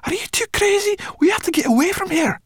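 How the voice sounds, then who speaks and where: A man voicing a sharp-tongued, impatient female brownie who hisses and scolds. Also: lowish voice, moderate pace, no room sound, clean studio sound, voice pushed up, natural voice. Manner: hissing, scolding.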